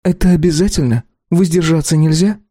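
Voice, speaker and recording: A man's voice: on the high side, brisk, mellow, dry recording, studio quality, voice pushed up, close to an everyday voice. A man voicing a cool, sardonic young woman.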